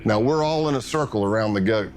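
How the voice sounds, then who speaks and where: Low-voiced man telling war stories. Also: quick pace, a little mellow, soft background music. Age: middle-aged. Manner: vivid storytelling, acts out what others said. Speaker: former undercover agent interviewee. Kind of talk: documentary interview storytelling.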